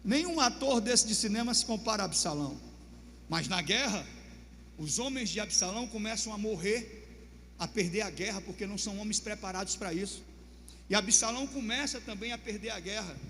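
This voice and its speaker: A male pastor tells a story from the pulpit in a dramatic sermon, rising into shouted bursts. His voice sits very high and rings bright and forceful. It trails off into a long hall reverb. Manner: dramatic retelling with shouted quoted lines. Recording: long reverb, faint hum.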